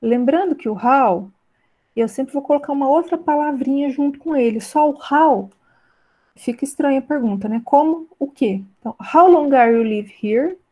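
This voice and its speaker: Teacher, mellow voice, English examples. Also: female voice, high voice, lo-fi sound. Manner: explains in Portuguese, reads English examples slowly and clearly; keeps checking in with "né?" and "tá?". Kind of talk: online class lesson.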